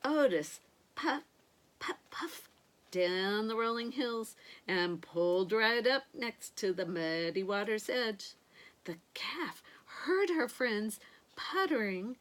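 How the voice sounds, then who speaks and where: A sweet, grandmotherly older woman reads a picture book aloud to children, expressively drawing out key words and adding gentle asides. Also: a little high. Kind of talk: animated read-aloud storytelling with asides to young listeners.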